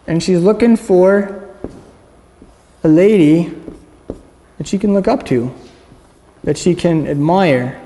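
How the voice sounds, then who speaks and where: A man with a fairly high voice gives an informal Bible teaching, chatty and upbeat, and has the listeners repeat words after him. He is recorded in a room with a long, echoing reverb around his voice. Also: takes it slowly, pauses often, mellow. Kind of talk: casual interactive Bible teaching.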